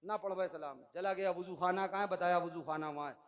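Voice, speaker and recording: A male preacher delivering a sermon, telling a story with heavy repetition, leading the crowd in call-and-response and building up to shouting. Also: high voice, fairly even intonation, fairly quick, muffled recording.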